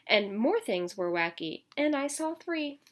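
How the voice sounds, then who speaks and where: Reading aloud from a picture book to a group of children, this woman teacher speaks with emphasis and expression. She drops in offhand remarks to her audience, her high-pitched voice never rushing.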